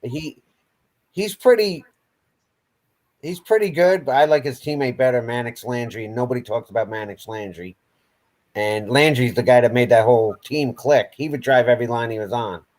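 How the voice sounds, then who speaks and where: A man with an ordinary mid-range voice chats on a hockey podcast. He talks in an easygoing way, naming players with small pauses and ums. The delivery is relaxed and conversational. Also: medium pitch. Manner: easygoing, listing prospects with hesitations. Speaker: podcast co-host. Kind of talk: casual hockey chat.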